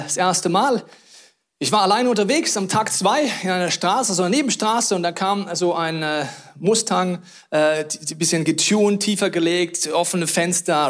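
A middle-aged man preaching a sermon, telling stories animatedly with sudden loud outbursts and hushed asides. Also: on the high side.

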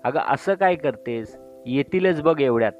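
A man's voice: medium pitch, animated, measured pace, darkish tone, lightly acted. A man voicing a flustered, fussy middle-aged mother in a storybook reading, scolding and protesting, on a dull lo-fi recording with faint music. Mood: fussing.

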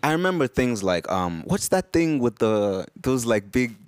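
A man in his thirties from Morocco co-hosting a podcast, talking in a relaxed, halting way with many restarts. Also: medium pitch, dry recording. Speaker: podcast co-host. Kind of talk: casual chat.

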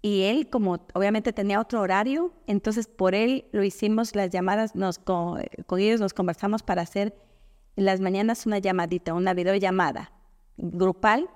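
Una mujer de Ecuador, invitada en una entrevista informal, que cuenta anécdotas con animación y recrea diálogos. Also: female voice, mid-range voice, normal speed, big-room sound. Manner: animated storyteller, quotes others in dialogue. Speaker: guest. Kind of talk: casual conversational interview.

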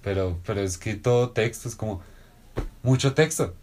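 A man's voice: on the low side, moderate pace, darkish tone, slight background noise. A young adult man with a Colombian accent, hosting a casual podcast chat about a TV series, slangy and emphatic, swearing often. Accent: Colombian Spanish. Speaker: podcast host.

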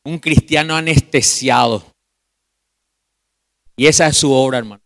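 A man preaching a sermon at a youth meeting as pastor, calling his listeners brother and asking rhetorical questions, with big swings between loud emphasis and hushed, drawn-out phrases. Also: mid-range voice, vocal fry.

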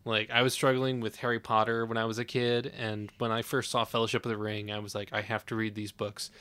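A man's voice: fairly low pitch, little pitch movement, a little fast, a bit bright, clean tone. A young adult man co-hosting a podcast, talking eagerly with stumbling restarts. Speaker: podcast co-host. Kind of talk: casual chat.

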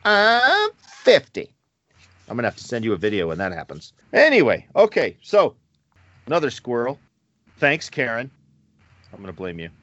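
This man in his forties, a podcast co-host, speaks at medium pitch with huge pitch swings, a sharp tone, normal speed, and long pauses. His talk is casual and rambling, broken by chuckles, on a dry but slightly muffled recording.

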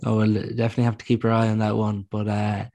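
A man's voice: fairly low pitch, completely flat delivery, quick pace, mellow. An Irish man hosting a sports show in a casual panel-chat style.

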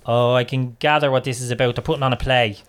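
A middle-aged woman with an Irish accent, hosting a casual chat and playfully quizzing a child with lots of quick, encouraging questions. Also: very deep voice, fairly even intonation, smooth. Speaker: host interviewing a child about books.

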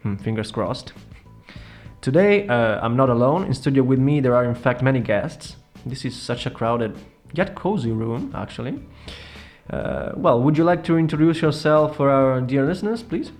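A man's voice: medium pitch, lively intonation, normal speed, darkish tone. Informal male radio host over faint music. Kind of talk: casual hosting chat.

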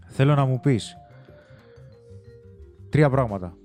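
A man's voice: medium pitch, animated, mellow, faint music behind. A man hosting a casual podcast, asking his guest a structured question. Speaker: podcast host.

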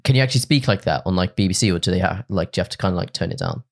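A man's voice: low voice, animated, racing, creaky. A man interviewing a guest in a casual, slangy chat.

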